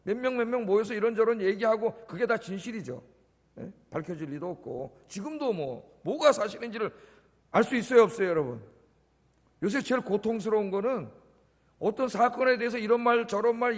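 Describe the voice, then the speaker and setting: A man's voice: high voice, fairly bright tone. A male pastor giving a conversational sermon at a church service, often prompting the congregation with short questions. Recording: echoey church hall.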